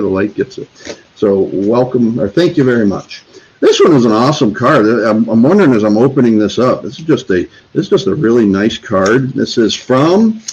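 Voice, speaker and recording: A man's voice: lowish voice, a little mellow, breathy edge. A man hosting a homesteading livestream, chatting casually with lots of fillers and restarts while reading out holiday cards. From Northeast Florida. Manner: rambling, many fillers and restarts. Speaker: homesteading channel host. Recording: slightly dull lo-fi sound.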